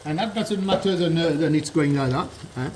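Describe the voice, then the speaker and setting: A man with a French accent, a chef giving a cooking demonstration in a kitchen, chatty and relaxed, often repeating words as he explains. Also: on the high side, brisk, slight background noise. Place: kitchen at the stove. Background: sizzling frying pan.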